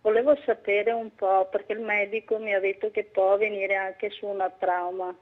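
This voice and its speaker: A woman phones in to a medical call-in show, her voice squeezed through a thin, tinny phone line. She speaks evenly, with little rise or fall, pausing as she hunts for words. It is a plain radio-show caller's voice. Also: medium pitch, flat delivery. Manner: hesitant, halting speech with pauses.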